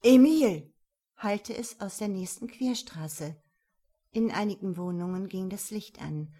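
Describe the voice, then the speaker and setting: Slow, measured woman narrating a crime novel. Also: medium pitch. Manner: calm, measured reading. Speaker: audiobook narrator. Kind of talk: scripted narration.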